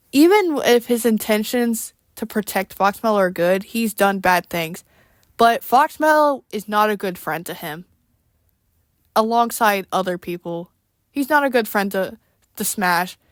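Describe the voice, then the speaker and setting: A woman delivers a casual rant in a weary, exasperated manner. Her pace is slow, with halting pauses between thoughts. Her voice sits at a middling pitch, and the sound is dry, with no room echo. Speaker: online creator addressing viewers.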